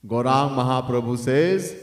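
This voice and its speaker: Unhurried and medium-pitched, a man leads a devotional discourse as a swami, earnestly repeating the essentials and occasionally singing out chanted verses. The temple hall echoes, and the mic sits far off.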